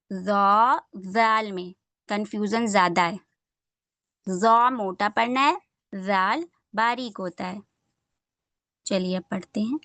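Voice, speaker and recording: A young woman teaching an online class, who patiently drills letter sounds slowly and repeats them over a video call. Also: mid-range voice, sharp tone, dry recording. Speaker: online Quran reading teacher.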